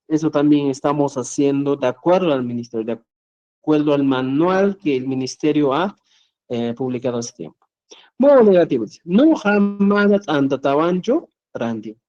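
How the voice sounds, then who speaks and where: A man's voice: fairly high pitch, warm tone, dull audio. Patient man teaching Quechua writing. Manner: patient, repeats "¿ya?" checks and spells out examples slowly. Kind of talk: live-streamed online lesson.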